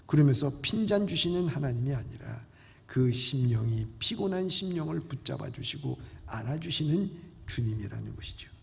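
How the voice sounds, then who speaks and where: A male pastor preaches emphatically, swinging between loud and soft lines. His voice has a gravelly fry. Long church reverb trails his words. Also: medium pitch, expressive, normal speed. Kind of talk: sermon. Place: church sanctuary.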